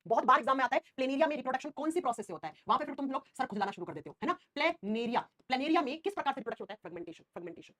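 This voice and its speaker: Fast, lively woman teacher. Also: sits high. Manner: animated, repeats key terms, calls students beta. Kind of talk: online class lecture.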